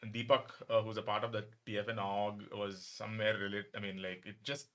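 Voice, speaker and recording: A man's voice: lowish voice, level tone, brisk, fairly bright tone. A man with a South Indian accent telling anecdotes casually as an interview guest, often acting out remarks. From Bangalore, India. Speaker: podcast guest, photographer.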